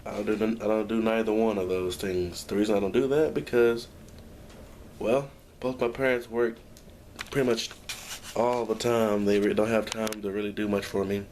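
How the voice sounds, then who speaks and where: A man's voice: on the low side, level tone, moderate pace, darkish tone, a little hiss or hum. A young man talking to his camera at home in a rambling, downbeat personal vlog, full of restarts and sighs. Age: young adult. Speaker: vlogger. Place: at home, indoors.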